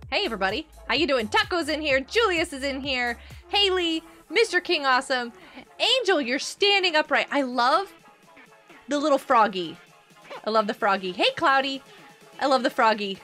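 A middle-aged woman with a high voice and a sharp tone hosts a game livestream through a headset mic. She plays, chats, and laughs while greeting viewers by name. She is a livestream host and also homeschools her kids.

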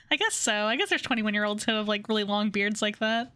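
A woman's voice: medium pitch, quick pace, bright, forceful tone, a little hiss or hum. A woman giving casual, playful, giggly commentary while livestreaming a game. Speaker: game streamer.

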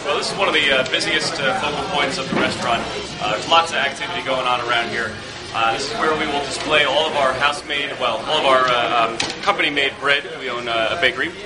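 A man in his thirties, a restaurant chef, giving a walkthrough interview with frequent uh pauses. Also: medium pitch, steady tone. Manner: hesitant, many filler uhs. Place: restaurant wine cellar and dining rooms, indoors. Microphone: camera mic, handheld camera close by. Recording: echoey room, noisy background hum.

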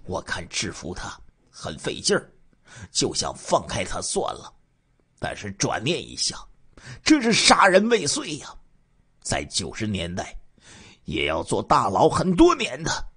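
A man narrates a true-crime case in the first person, voicing the killer's confession. His voice is husky, and his pitch swings very widely as he moves between hushed asides and loud bursts. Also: wildly swooping pitch, a little slow.

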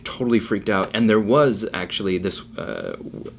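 Young man, low-pitched, rambling casual storyteller, faint noise behind. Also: wildly swooping pitch, moderate pace, vocal fry. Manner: rambling storyteller, many fillers. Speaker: podcast co-host. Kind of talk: casual chat.

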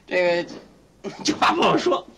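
A man's voice: high voice, very animated, moderate pace, creaky, background noise, heavily acted. An actor playing a good-natured husband who rambles, hesitates and fills his talk with fillers. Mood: hesitant asking. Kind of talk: 1990s TV drama acting.

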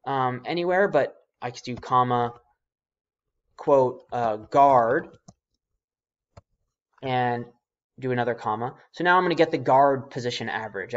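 Dull-sounding man dictating spreadsheet steps. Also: mid-range voice. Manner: spells out formulas symbol by symbol as if dictating. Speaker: spreadsheet tutorial instructor. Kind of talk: casual step-by-step software tutorial. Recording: slightly dull, lo-fi voice-over.

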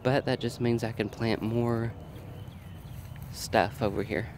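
Walking his backyard garden with the camera rolling, this vlogger talks in a chatty, think-out-loud way. He sounds allergy-stuffed and nasal, speaking slowly at a medium pitch that barely rises or falls, over some background noise.

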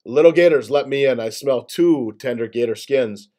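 Storybook villain: a man doing a raspy, bullying male boar, mellow low voice, sing-song threats. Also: normal speed, lightly acted. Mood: menacing. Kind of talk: storybook reading.

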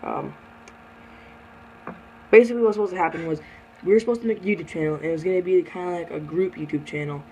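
Teen boy host rushing things along. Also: high voice, a little mellow, highs cut off, slight background noise. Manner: hurried, steering the talk along. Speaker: channel host. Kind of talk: casual chat.

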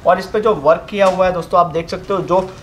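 In an indoor fabric showroom, a young man with a somewhat high voice demonstrates sarees, describing their fabrics and work. He keeps to an even sales patter and stops on fillers now and then, while the shop's echo and a low hum sit underneath.

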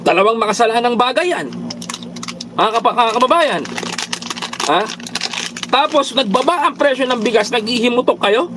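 A Filipino man with a high-pitched voice hosts a casual political commentary livestream, reading viewer comments aloud. He lectures his audience as brothers and countrymen, slipping English phrases in among his words. Faint vehicle noise hums behind him. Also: lively intonation, moderate pace, pauses often. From Philippines. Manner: preachy, repeatedly addresses viewers as brothers and countrymen.

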